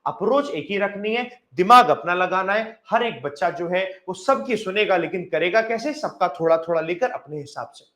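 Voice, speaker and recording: A man's voice: high voice, expressive, normal speed, few pauses, pushed and bright. A man, a bank exam English teacher giving an emphatic motivational lecture with a story and rhetorical questions. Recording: echoey room.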